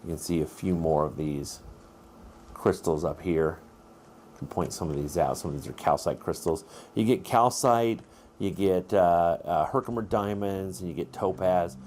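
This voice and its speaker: A man's voice: sits low, normal speed, darkish tone, slight background noise. A man presenting an outdoor exploration vlog, explaining things in an informal, instructive way. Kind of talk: casual explanatory vlog narration. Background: music.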